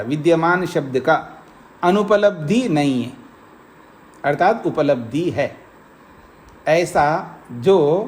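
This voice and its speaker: Slow-teaching high-voiced man, sutra lecture. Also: a little mellow. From India. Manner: explains Sanskrit sutras line by line, slow and repetitive. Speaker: monk teaching Nyaya philosophy. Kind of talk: scriptural lecture to students. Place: ashram lecture hall.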